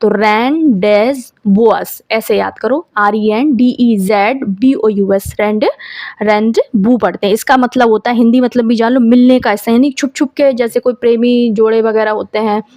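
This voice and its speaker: A woman teaching an exam-prep grammar lesson, who asks a question and then answers it herself and reads the test sentences out slowly. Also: on the high side, darkish tone, dry recording.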